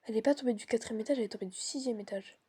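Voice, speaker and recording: Bright, slightly husky woman game streamer. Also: on the high side, very fast. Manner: slangy, chatty, reacting to the game as it happens. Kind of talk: casual co-op horror game commentary.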